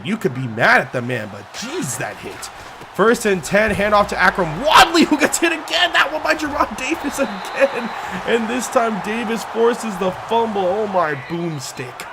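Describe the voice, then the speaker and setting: A high-pitched young gaming YouTuber calls a football video game like a sports broadcaster, counting down yard lines. He's excitable, his pitch climbs on big plays, and he sounds worn and hoarse, as if losing his voice. The game audio is clear behind him, along with some background noise.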